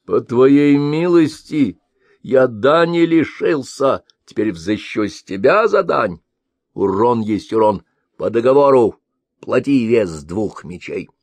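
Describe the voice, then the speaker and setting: A man's voice: medium pitch, animated, slow pace, no room sound, pitched above the performer's own voice. A man voicing a grim, weary old mercenary warlord who speaks curtly and grumbles. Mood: unmoved. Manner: curt, unmoved, grumbling.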